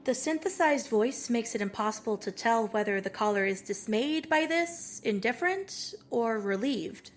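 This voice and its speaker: A woman's voice: fairly high pitch, normal speed, few pauses, lightly acted. An actress playing an emotional young woman who reads a story aloud and is easily moved. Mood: narrating. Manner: expressive, easily moved to tears. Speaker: story reader.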